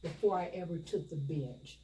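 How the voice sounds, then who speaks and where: A middle-aged woman, speaking as a judge in an interview and explaining in a measured, formal way. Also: fairly low pitch. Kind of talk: interview answers. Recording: echoey room, distant mic, loud noise.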